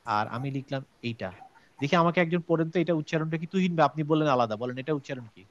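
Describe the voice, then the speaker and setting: A man's voice: a little high, fast, lo-fi sound, a little hiss or hum. A man from Bangladesh teaching Quran recitation to an online class, explaining and asking the class questions.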